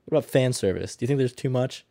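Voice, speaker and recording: A man's voice: mid-range voice, fast, creaky, mellow, dry recording, studio quality. A man chatting casually about a movie, laid-back and hesitant, often trailing off or giving short agreements.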